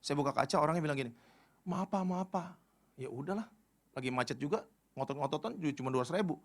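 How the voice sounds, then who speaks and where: A middle-aged male pastor giving a casual youth sermon, animated and full of colloquial slang, jumping from loud appeals to quiet stories. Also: fairly high pitch, very fast. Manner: animated, swings from loud pleas to quiet asides; storytelling with colloquial Jakarta slang.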